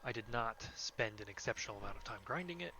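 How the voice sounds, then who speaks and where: A man's voice: mid-range voice, expressive, fast talker, noisy background. A man streaming a video game, chatting casually, joking and swearing, and reading quest text aloud. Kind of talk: casual gameplay commentary. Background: game music.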